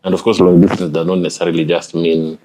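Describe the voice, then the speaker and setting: Low-voiced Kenyan man chatting casually. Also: flat delivery, fast talker, crowd noise, poor audio. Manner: switches between English and Swahili. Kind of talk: casual conversational storytelling. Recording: light background noise.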